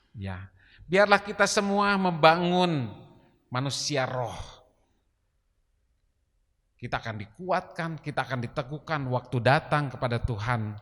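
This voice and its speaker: A man preaching a sermon in a church, emphatic and asking the congregation rhetorical questions. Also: mid-range voice. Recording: long reverb of a church hall.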